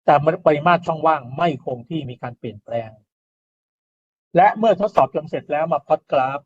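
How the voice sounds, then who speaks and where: Guy teaching engineering slides, a bit high voice, muffled lo-fi sound, keeps asking right?. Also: lively intonation, brisk, a little hiss or hum. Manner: explains step by step, often asks "right?" and adds polite particles. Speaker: engineering lecturer. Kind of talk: informal recorded lecture. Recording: dull lo-fi lecture recording.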